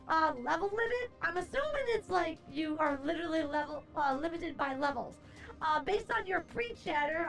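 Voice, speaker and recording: A woman streamer chats to viewers with playful horror-host theatrics. Her voice is extremely high and often creaky. Soft music plays behind her. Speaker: livestream host, VTuber-style streamer. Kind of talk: theatrical horror-host greeting turning to casual stream chat.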